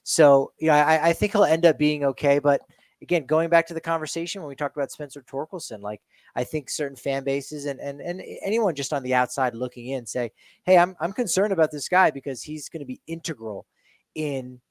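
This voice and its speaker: A man's voice: fairly high pitch, a little fast, no room sound. A man co-hosting a sports talk show, rambling through stats with many restarts and self-corrections. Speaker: podcast co-host.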